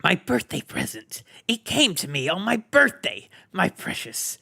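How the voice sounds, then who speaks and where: A wretched, greedy cave creature hisses and whispers, sly and creeping, as a man reading aloud puts it on. The voice sits a little off the mic and slides up above the reader's own pitch. The room is dry. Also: wildly swooping pitch, unhurried, gravelly, pushed and bright, no echo, full character voice. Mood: whispering. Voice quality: hissing, whispery.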